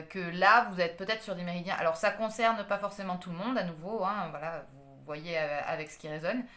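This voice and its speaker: A woman's voice: medium pitch, a bit bright, roomy sound. A woman giving a casual tarot and astrology reading, talking with many hesitations, fillers and restarts. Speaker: tarot card reader.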